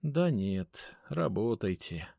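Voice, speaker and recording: A man voicing a calm middle-aged female newspaper editor who speaks slowly and with measured authority. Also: fairly high pitch, no echo, studio quality, voice pushed up. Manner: slow, measured, lightly mysterious. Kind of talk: audiobook character voice.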